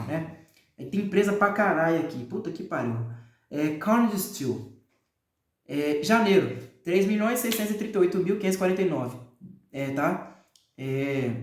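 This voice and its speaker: Male reader with a Brazilian accent and a high-set voice. Casual, hesitant delivery of long figures, with crude asides. Echoey room sound. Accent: Brazilian Portuguese. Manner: reads long figures aloud with frequent hesitations and offhand, profane asides. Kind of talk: casual reading aloud of a nonfiction book.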